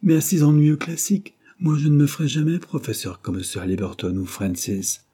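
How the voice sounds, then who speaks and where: A man's voice: fairly high pitch, moderate pace, warm tone, slightly rough, pitched above the performer's own voice. A male narrator voicing a petulant young man who pleads and sulks in an audiobook. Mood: petulant pleading. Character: sulky restless young man student. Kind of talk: audiobook character reading.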